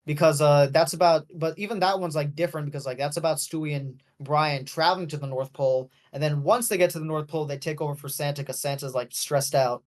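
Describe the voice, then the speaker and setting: In a slightly high, steady voice, a male podcast co-host talks quickly about a movie with few pauses. His chat is casual and rambling, thick with fillers and restarts as he corrects himself.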